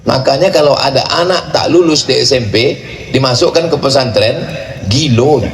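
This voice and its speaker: A man preaching to a large gathering, playful and joking, rattling off rapid chanted recitation. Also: medium pitch. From Indonesia. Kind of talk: sermon at a large religious gathering. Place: large outdoor or hall gathering at a boarding school. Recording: echoey venue with faint ambient noise.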